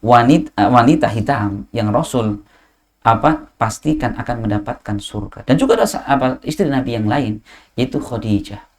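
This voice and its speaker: A man's voice: mid-range voice, moderate pace. A man giving an Islamic study lecture, telling stories with Arabic quotes and asking the audience questions. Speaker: preacher.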